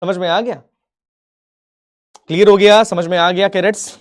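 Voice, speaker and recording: A man teaching a live online class in speech, animated and repetitive, often asking if the students have understood. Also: sits high, moderate pace.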